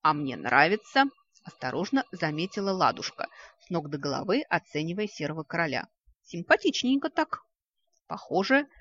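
Brief: wry fantasy audiobook narrator, lively delivery, dry close sound. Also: mid-range voice, slightly rough, dry recording. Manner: wry first-person storytelling. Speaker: audiobook reader. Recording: dry, slightly dull recording.

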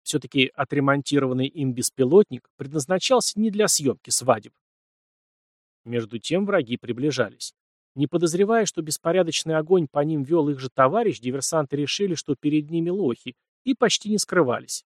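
A man narrating an audiobook in a steady scripted storytelling delivery. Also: fairly high pitch, a little fast, no room sound, clean studio sound.

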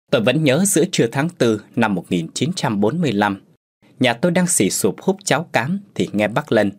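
A man narrating a first-person story as a storyteller in scripted narration, with lively, expressive delivery. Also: medium pitch, slightly rough.

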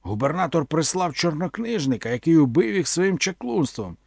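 Old male chieftain, enraged, yelling accusations, as a male reader puts him on; high husky voice, dry sound. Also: very animated, normal speed, dry recording, full character voice. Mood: accusing. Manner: shouting, accusing.

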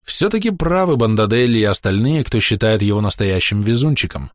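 A man reading a fantasy novel aloud as audiobook narrator, in a steady storytelling manner. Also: fairly low pitch, a little fast, dry recording, clean studio sound. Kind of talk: scripted narration.

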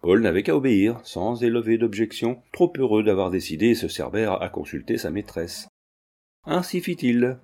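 Man narrating a classic novel. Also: fairly low pitch. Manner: measured, expressive storytelling. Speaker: audiobook narrator. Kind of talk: scripted literary narration.

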